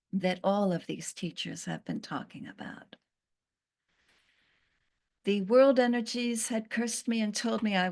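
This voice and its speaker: A woman channeling a once-cursed fig tree spirit, speaking in a slow, earnest storytelling manner with long pauses. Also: medium pitch.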